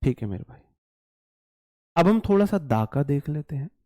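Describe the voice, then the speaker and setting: A man's voice: on the high side, very animated, moderate pace, dark tone, no echo, clean studio sound. A man teaching an English class online, casual and repetitive, drilling words aloud and calling students his brothers. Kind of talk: online exam-prep class.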